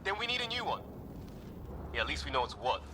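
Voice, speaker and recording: A man's voice: on the high side, very animated, quick pace, noisy background. An actor playing a wry, plain-spoken, loyal male ex-cop soldier in a video game, talking informally. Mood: resigned, reassuring.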